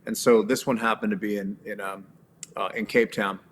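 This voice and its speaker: A man being interviewed as a guest, telling animated stories with lots of fillers and restarts. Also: fairly low pitch, normal speed, a little hiss or hum. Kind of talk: casual interview chat.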